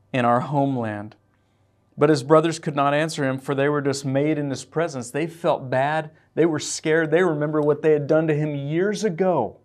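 A pastor preaching an earnest, emotional sermon and reading scripture aloud. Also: male voice, fairly high pitch, a little mellow. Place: church.

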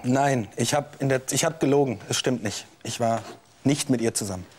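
A man's voice: mid-range voice, moderate pace, darkish tone, husky, natural voice. An actor playing a jilted young man on the witness stand in a scripted courtroom show, hesitant and full of fillers, flaring into anger. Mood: defensive.

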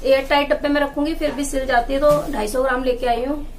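Sitting high in pitch with fairly even intonation, this woman talks at a quick pace over slight background noise. She's a housewife vlogger in her thirties, casually showing her groceries on camera and explaining while handling jars and bags in a small room with tiled walls and a wooden door.

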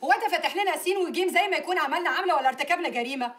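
An actress with an Egyptian accent playing a defiant, mocking sister-in-law who argues back. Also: female voice, high-pitched, animated, very fast, fairly bright tone. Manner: mocking, combative.

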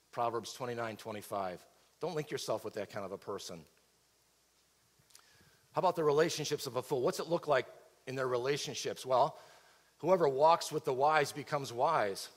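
A middle-aged man preaching a sermon, asking the congregation rhetorical questions as he paces the stage. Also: medium pitch. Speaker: pastor. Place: large church auditorium stage. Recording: reverberant church hall.

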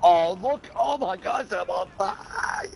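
A man chatting casually and swearing as he plays a video game, prone to excitable exclamations. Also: sits high, slow, creaky, noisy background. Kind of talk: casual gameplay chat with profanity. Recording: gunfire and clicking behind voice. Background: video game gunfire.

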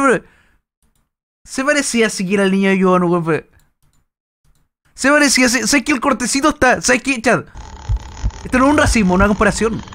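A man's voice: high-pitched, vocal fry, bright, forceful tone, smooth. A young man with a Chilean accent, reacting on a live stream and swearing casually at his chat. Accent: Chilean Spanish. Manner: crude, swearing, talking to chat.

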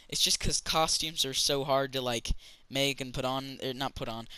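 In a rough, dry recording, a man's mid-range voice comes across pushed and bright yet smooth. He's a gaming channel host rambling casually through a building game, with lots of fillers and do-overs in his let's-play talk.

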